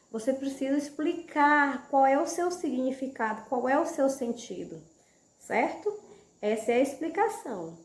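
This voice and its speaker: A woman teacher giving a lesson, often pausing to ask rhetorical questions and check that her students follow. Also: high-pitched, roomy sound. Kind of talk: classroom lesson.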